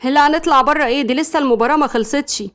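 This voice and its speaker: A woman's voice: on the high side, racing, darkish tone, close to an everyday voice. Woman doing a brash swooning Egyptian young woman. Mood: furious. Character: lovestruck brash young woman obsessed with a footballer.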